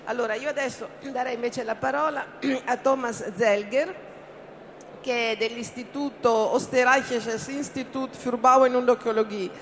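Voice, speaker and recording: Donna che modera un convegno, leggero rumore. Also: female voice, a little high, steady tone, measured pace. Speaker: conference moderator. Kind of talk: moderating a panel, semi-formal spontaneous talk. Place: conference event. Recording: faint background noise.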